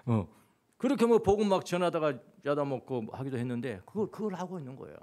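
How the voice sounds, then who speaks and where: A middle-aged man, a pastor, preaching a sermon in church and telling a story, moving between loud and hushed tones. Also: fairly high pitch, very animated, quick pace. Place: church sanctuary.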